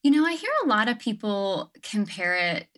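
This young adult woman, a casual interview guest at her island home, sounds very animated yet reflective, with frequent fillers like "um" and "like." Her medium-pitched voice is a bit bright and moves at normal speed.

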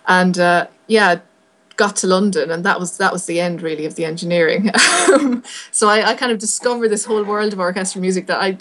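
Lowish-voiced woman with a west of Ireland accent. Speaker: orchestral conductor being interviewed. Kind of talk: conversational interview answers.

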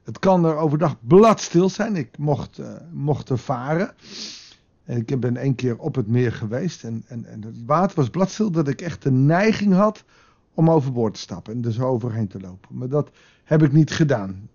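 A man's voice: mid-range voice, expressive, moderate pace, gravelly, warm tone, highs cut off. A man preaching a devotional sermon in a conversational way, now and then acting out quotes with a raised voice. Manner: conversational, with dramatic acted quotes. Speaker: pastor.

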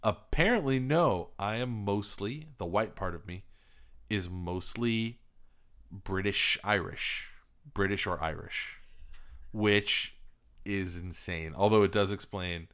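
A man's voice: fairly low pitch, takes it slowly, fairly bright tone, clear, resonant tone. A man hosting a podcast in casual chat, joking and swearing with a sardonic edge. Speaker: podcast host.

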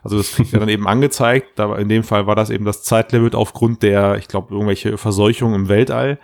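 Animated male storyteller in podcast chat. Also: fairly low pitch, quick pace, creaky. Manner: animated storyteller who acts out what teammates shouted. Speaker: podcast co-host.

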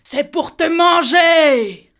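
A sly, hungry storybook wolf growls low and slow, as a woman puts him on. He turns the sweet talk into a threat. His lines land darker and quieter than the telling around them. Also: steady tone. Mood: ravenous. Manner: gruff, then sweetly wheedling.

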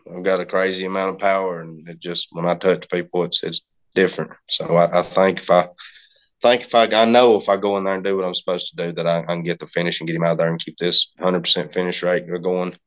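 A man with a low voice and flat intonation answers interview questions casually, halting and repeating himself. The sound is slightly lo-fi. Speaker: fighter being interviewed.

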